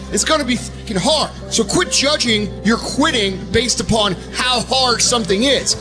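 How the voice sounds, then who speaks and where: A man giving an intense, blunt motivational monologue laced with swearing. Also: very high-pitched.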